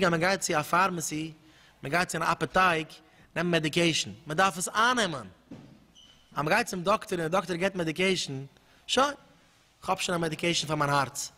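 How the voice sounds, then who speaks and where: A man's voice: on the high side, fairly bright tone. A man giving a storytelling sermon, fervent and emphatic, often repeating and restarting his words. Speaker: religious speaker. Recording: long hall reverb with faint music.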